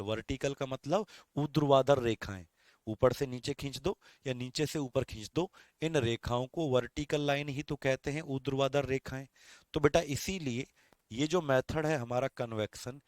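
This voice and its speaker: Hindi-speaking male teacher dictating slowly. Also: medium pitch, no echo, clean studio sound. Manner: slow dictation, repeating each phrase for students to copy; addresses students as beta, asks questions and answers them himself. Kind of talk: online class lecture.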